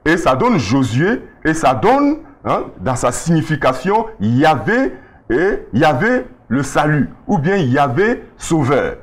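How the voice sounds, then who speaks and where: A male preacher teaching a Bible lesson, explaining slowly and often checking that his listeners follow. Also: on the high side, big pitch swings.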